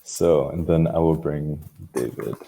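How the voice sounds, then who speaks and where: This panel webinar host has a bass voice with vocal fry and an unhurried delivery, joining from a computer video call with background noise. He keeps things informal and speaks a little hesitantly.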